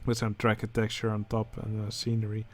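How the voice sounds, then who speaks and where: Flat-voiced Dutch man, hesitant. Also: fairly low pitch, fairly quick, soft background music. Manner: hesitant, many filler sounds. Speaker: channel host judging a building contest. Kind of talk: casual game commentary.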